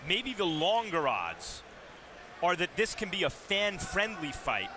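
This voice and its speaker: A man's voice: high voice, sing-song, unhurried. A man giving analytical, considered live boxing commentary from ringside. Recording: clear arena noise behind.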